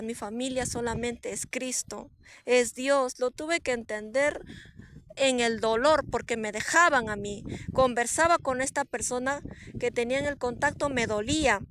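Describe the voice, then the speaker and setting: A woman, a prophetess, giving an earnest, emotional personal testimony, swinging between soft and emphatic and repeating herself for emphasis. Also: high-pitched. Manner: repetitive, with frequent restarts and fillers.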